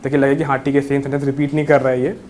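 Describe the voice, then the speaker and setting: A man's voice: mid-range voice, flat delivery, rapid-fire, darkish tone, slight background noise. A young man giving friendly, reassuring interview advice and mixing English words into his Hindi. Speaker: interview guest, newly selected civil judge.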